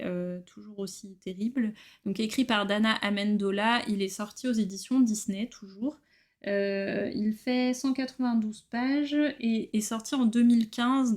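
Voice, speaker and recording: A woman's voice: mid-range voice, darkish tone. Chatty French-speaking woman vlogger. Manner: chatty with frequent hesitations and filler. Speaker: book collector vlogger. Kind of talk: casual book haul chat.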